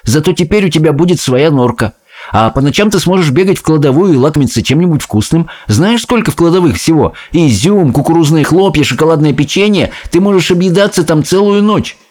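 A sensible young boy turned into a mouse, as a male audiobook reader puts him on, speaking a little higher than the narration. He coaxes calmly with a faintly sly, lively lilt. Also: a little fast. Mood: coaxing. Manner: calm, persuasive, a little sly.

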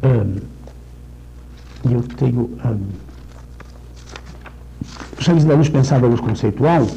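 A middle-aged man giving a literature lecture, talking in a rambling, discursive way with restarts and slowing down to recite verse. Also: mid-range voice, vocal fry, warm tone, a little hiss or hum, poor audio. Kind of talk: literature lecture with poem readings.

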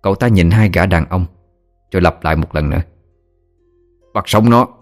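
A man narrating a scripted audio story in a steady storytelling manner. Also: low-pitched, fast, faint music behind.

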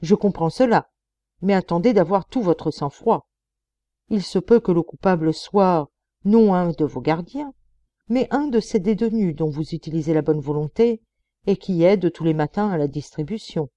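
A woman voicing a shrewd young male police detective who reasons calmly and persuasively. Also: fairly low pitch, normal speed, dry recording, muffled recording, natural voice.

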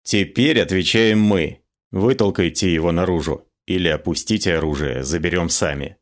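Dude doing a gruff masked gunman, bossy and threatening, deep low voice, audiobook. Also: moderate pace, lightly acted. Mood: menacing. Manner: gruff, commanding. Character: menacing masked male gunman.

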